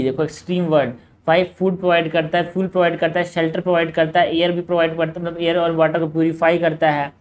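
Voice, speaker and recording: A man working through exam quiz questions. He reads each question slowly, then explains it quickly in a casual tone, often saying "bhai" and "yaar". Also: on the high side. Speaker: exam prep teacher. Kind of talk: solving quiz questions aloud.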